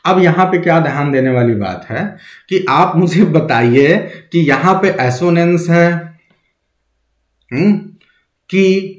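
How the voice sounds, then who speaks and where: Male literature teacher, higher voice, live class in a roomy echo, coaxing and quizzing. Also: expressive, slow. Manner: coaxing, quizzes students, mixes English terms into Hindi.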